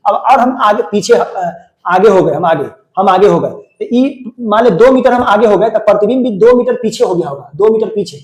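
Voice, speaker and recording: A man's voice: high-pitched, normal speed, a little mellow. A man with a Bihari accent teaching a physics lesson at the board, repeating phrases and asking questions that he then answers himself. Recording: echoey room.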